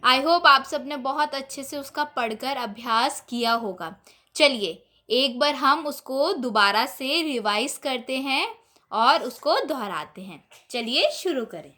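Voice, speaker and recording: A woman teaching an online Hindi lesson to young children, reading words and a rhyme aloud slowly and clearly in a sing-song way. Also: high voice, lively intonation, pushed and bright. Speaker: primary school teacher.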